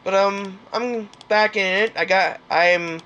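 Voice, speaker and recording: A man's voice: sits high, fairly even intonation, slow pace, pushed and bright, dull audio, a little hiss or hum. A young man hosting a gaming channel, chatting casually and hesitantly with many fillers and restarts. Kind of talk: casual game commentary outro.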